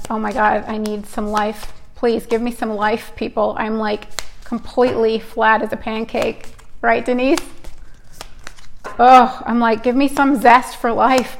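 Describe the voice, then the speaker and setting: Gravelly-voiced woman reading cards live. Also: on the high side, fairly bright tone, slight background noise. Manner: chatty, rambling, hyper and self-interrupting. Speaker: tarot card reader hosting a live stream. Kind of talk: casual live-stream card reading.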